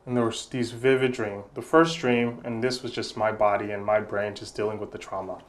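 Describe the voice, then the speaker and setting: Appearing as an interview guest, this young Congolese nonprofit founder responds in an earnest, thoughtful way, frequently repeating words as he looks for what to say next. He talks a little fast in a lowish voice with little pitch movement.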